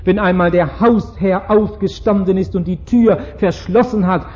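A man preaching a sermon with fervent, pleading emphasis, slowing down and growing solemn when he quotes scripture. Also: high-pitched, darkish tone. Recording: dull lo-fi recording.

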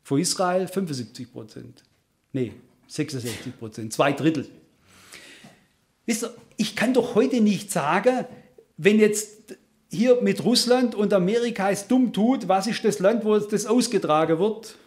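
Man, preacher, high voice, earnest, emphatic, addresses congregation directly. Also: lively intonation, a little slow, darkish tone. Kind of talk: sermon to a congregation.

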